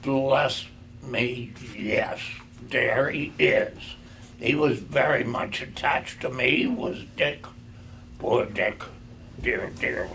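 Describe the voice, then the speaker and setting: A man voicing an agitated, sentimental old man in a storybook reading, halting and full of exclamation. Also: mid-range voice, vocal fry, fairly bright tone, a little hiss or hum, exaggerated voice. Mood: excited, wistful.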